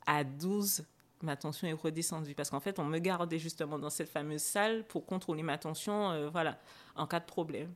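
A young woman with a somewhat low voice speaks as a podcast guest about something she lived through. She hesitates often, restarting phrases and filling pauses. Her telling is emotional and candid. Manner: hesitant, frequent fillers and restarts; emotional recounting. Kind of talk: personal storytelling in a podcast interview.

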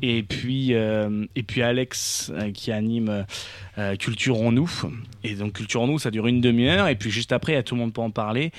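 A man's voice: medium pitch, moderate pace, dry recording. Radio host guy rambling thru a story, lots of euh and restarts, dry studio sound. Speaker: radio show host and singer. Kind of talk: casual radio chat.

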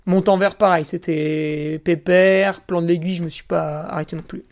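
A man's voice: on the high side, fairly even intonation, normal speed. A man telling a story in a solo podcast, ranting indignantly with crude slang and often turning to the listener. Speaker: podcast host and trail runner.

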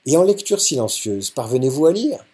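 A man's voice: mid-range voice, very animated, brisk, mellow, pitched above the performer's own voice, close to an everyday voice. A man voicing a serious, composed young woman tutor who asks precise questions in a storybook reading. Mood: measured.

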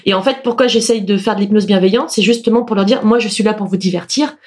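A woman's voice: medium pitch, fast, darkish tone, a little hiss or hum. A woman, a stage hypnotist and podcast guest, explaining her craft earnestly in casual chat, with many fillers and restarts.

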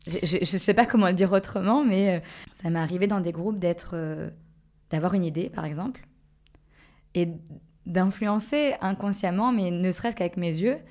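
A woman talks as a guest on a podcast, her voice sitting a little low. She thinks aloud, circling back and restarting her sentences with many fillers as she works out what she means. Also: normal speed, a little mellow. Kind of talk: casual podcast conversation.

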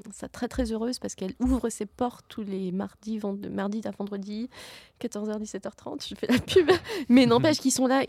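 A woman's voice: mid-range voice, dark tone, no room sound. A woman talking casually as a guest about contemporary music, hesitating often with fillers and restarts. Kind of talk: casual radio chat.

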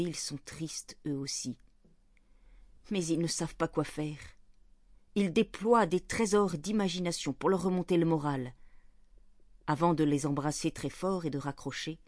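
A woman reading a Christmas children's story aloud in a clear, gentle, measured way. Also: sits low, dry recording, clean studio sound. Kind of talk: storybook narration read aloud.

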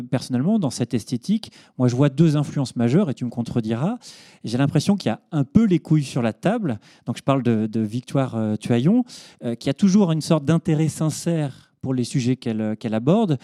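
A male interviewer poses long, carefully built questions in a mellow, dark voice. His recording sounds dry and close, with no room echo. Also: medium pitch. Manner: elaborate, analytical questions.

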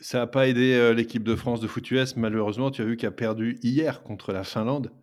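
A middle-aged man co-hosting a casual podcast, relaxed and joking, teasing his partner. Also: medium pitch, a little fast. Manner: relaxed, joking, reads reviews aloud. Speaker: podcast co-host.

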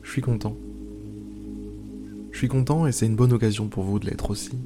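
Low-voiced man guiding meditation over music. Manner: slow, pausing, repeating phrases, informal. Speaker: guided meditation host. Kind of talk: improvised guided meditation with casual asides. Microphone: speaking into a microphone.

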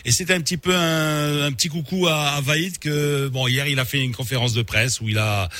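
Coanimateur sport, homme à la voix claire et tendue, studio sec, ton vif et familier. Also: male voice, on the high side, steady tone, moderate pace, bright, forceful tone, dry recording. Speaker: radio sports co-host. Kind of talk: radio sports chat.

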